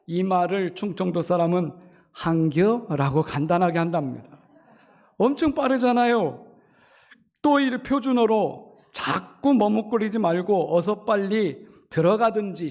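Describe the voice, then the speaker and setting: A middle-aged pastor from Chungcheong in South Korea preaching a sermon, asking the congregation rhetorical questions and acting out quoted lines. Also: male voice, high-pitched, a little mellow.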